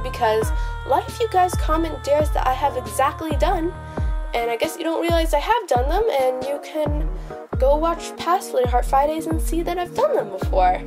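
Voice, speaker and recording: A chatty young girl talks to her viewers in a loose, giggly way, full of little fillers. Her voice sits a bit high, and clear music plays along underneath. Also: lively intonation, moderate pace. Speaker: vlogger. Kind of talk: casual chat to camera.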